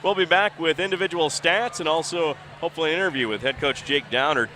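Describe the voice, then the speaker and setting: A man hosting a high school basketball postgame show, reading sponsor lines and recapping the game. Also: fast, sharp tone, a little hiss or hum, low-quality recording. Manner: upbeat, reads sponsor lines. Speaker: play-by-play broadcaster. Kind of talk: postgame sports broadcast.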